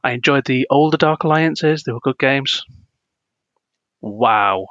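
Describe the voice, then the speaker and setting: Gaming-podcast co-host, young man, bright forceful tone, dry close sound, rants and jokes. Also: a little high, fairly even intonation, moderate pace, dry recording, lo-fi sound. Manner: ranting, self-deprecating, laughs often. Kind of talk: casual gaming podcast chat.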